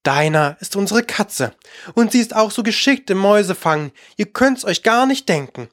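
A reader voicing a polite, curious young girl, eager and quick to apologise. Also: medium pitch, lively intonation, no room sound, clean studio sound, pitched above the performer's own voice, close to an everyday voice.

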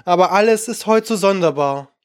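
A man's voice: high voice, brisk, smooth, no room sound, voice pushed up, close to an everyday voice. A man voicing a polite, curious young girl who talks eagerly and coaxingly.

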